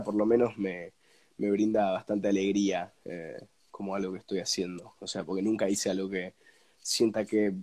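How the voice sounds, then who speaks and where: A young man with an Argentine accent, congested and snotty from a cold, chatting casually as an interview guest and haltingly repeating words as he searches for phrasing. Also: lowish voice, mellow, husky. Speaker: interview guest, radio presenter. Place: indoors at home, on a video call.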